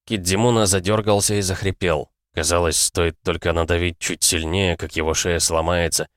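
Brief: male audiobook narrator, deep, measured dramatic delivery, dead studio sound. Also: fairly even intonation, dry recording.

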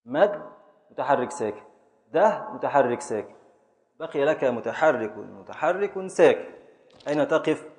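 Teaching a class as a sheikh, a man with an Egyptian Arabic accent slowly chants the syllables of poetic meter and calls on students by name to quiz them. His mid-range voice is a little mellow, with lively intonation.

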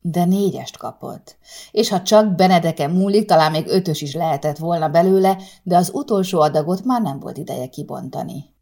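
A woman narrating a short story in a calm, measured reading voice. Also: fairly low pitch, vocal fry. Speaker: audiobook narrator.

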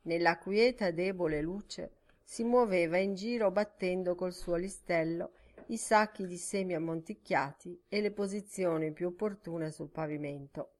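A woman's voice: on the low side, unhurried. Woman reading a literary audiobook. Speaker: audiobook narrator.

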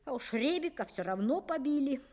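A woman's voice: high voice, expressive, fairly quick. Woman reading a story with vivid expression. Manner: acts out shouted quotes, voices the characters. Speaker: narrator.

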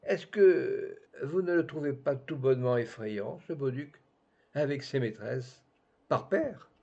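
A man voicing a sharp-tongued, arch society countess who gossips in a teasing, mocking way. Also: medium pitch, expressive, measured pace. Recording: dull lo-fi recording.

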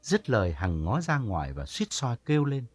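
A man narrating an audiobook story in a calm storytelling manner. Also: mid-range voice, moderate pace.

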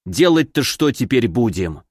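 A man's voice: mid-range voice, very animated, unhurried, no echo, pitched below the performer's own voice. A man voicing a tired ship captain who sighs and speaks with dry sarcasm. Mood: weary. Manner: sighing, dryly sarcastic. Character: weary ship captain, sighing and wry.

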